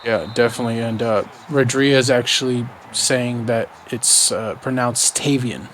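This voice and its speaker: A man giving color commentary on a game stream, chatty and quick to react. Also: medium pitch, fairly even intonation, fairly bright tone, slight background noise. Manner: conversational analysis, quick reactions. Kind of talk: sports commentary.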